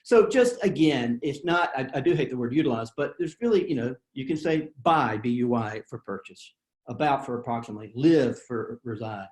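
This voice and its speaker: Man presenting a webinar, mid-pitched, plain-spoken, echoey room. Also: animated, brisk, a little mellow. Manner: plain-spoken, self-deprecating, with many fillers and restarts. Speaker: presenter of a writing workshop. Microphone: video call.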